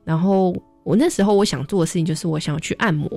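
A woman's voice: fairly low pitch, fast, no echo, soft background music. A young adult woman, a social worker, telling stories in a radio interview and acting out the voices of people she quotes. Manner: lively storyteller, acts out quoted voices.

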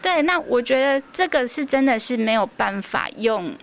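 A woman's voice: fairly high pitch, animated, normal speed, a crowd in the background. A woman with a Taiwanese Mandarin accent, a preschool teacher guest on a radio interview, telling stories earnestly with many fillers.

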